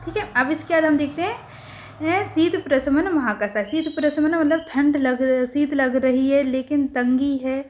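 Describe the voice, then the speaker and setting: A young woman with a high, light voice teaches ayurveda. She turns each list into a playful little story, going over the lines again and again and correcting herself mid-word. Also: a little slow, a little mellow. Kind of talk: mnemonic lesson explanation.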